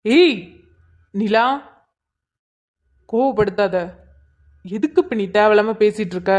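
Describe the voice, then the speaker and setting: A woman voicing a hot-tempered young husband in a cartoon drama, scolding and sharp. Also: mid-range voice, expressive, unhurried, lightly acted. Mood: angry. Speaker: cartoon character voice.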